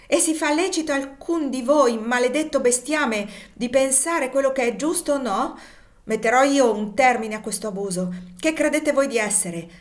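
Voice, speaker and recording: A woman's voice: mid-range voice, normal speed, natural voice. Legree, a brutal plantation master, as a woman puts him on. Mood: furious. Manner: harsh, shouting, scornful. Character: cruel brutal male plantation master, middle-aged.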